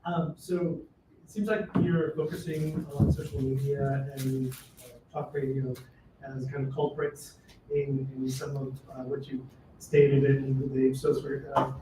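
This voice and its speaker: A man in the audience asking the speaker a hesitant question in a flat delivery. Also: medium pitch, unhurried, noisy background. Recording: distant roomy audience mic.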